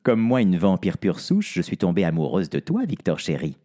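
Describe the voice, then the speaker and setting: A man's voice: low-pitched, huge pitch swings, moderate pace, mellow, exaggerated voice. A man voicing a sweet vampire countess who speaks in a soothing, tender way.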